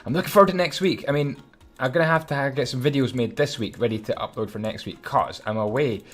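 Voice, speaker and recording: A man's voice: mid-range voice, quick pace, faint music behind. Scottish man, easygoing build commentary, mid-range voice, mutters and hums between thoughts. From Scotland. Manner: chatty, hums and mutters while concentrating. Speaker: Minecraft YouTuber.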